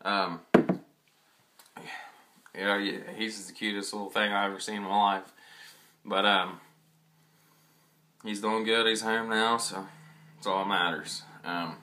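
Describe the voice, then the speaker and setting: A man's voice: fairly low pitch, flat delivery, measured pace, long pauses, sharp tone, slight background noise. Young man talking with tobacco in his mouth. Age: young adult. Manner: laid-back, rambling with fillers and repeated "I". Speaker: vlogger reviewing chewing tobacco. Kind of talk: casual chat to camera.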